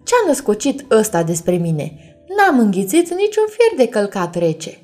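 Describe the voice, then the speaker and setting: Woman doing a shrill yelling hasty boy. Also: huge pitch swings, soft background music. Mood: outraged. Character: hasty greedy boy, storybook character.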